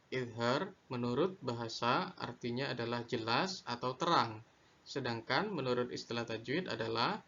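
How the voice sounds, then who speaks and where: A man teaching a lesson on Quran recitation rules, slow and deliberate, repeating each definition. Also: medium pitch, a bit bright, dull audio. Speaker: religious studies teacher.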